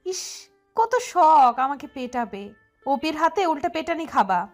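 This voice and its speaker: A woman's voice: sits high, animated, unhurried, soft background music. A woman voicing a hot-tempered, bratty young woman who scolds in a snappy way in an audio love-story drama. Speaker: voice actor.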